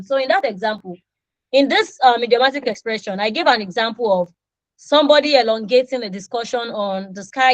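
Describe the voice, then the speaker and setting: A Nigerian woman in her thirties, a native Yoruba speaker, teaches an online English class and playfully acts out example dialogues with her students. She is animated, with a voice that sits a little high. The audio is poor and dry, with no room sound.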